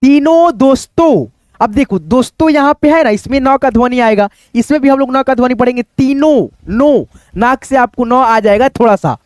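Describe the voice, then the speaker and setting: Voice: high voice, lively intonation, darkish tone, no room sound, clean studio sound. Chatty reading teacher. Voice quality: chatty, drawn-out syllables when reading. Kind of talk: casual read-aloud lesson.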